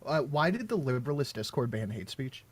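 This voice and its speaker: A man calling into a casual livestream debate, asking questions in a halting way. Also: medium pitch, very animated, crowd noise.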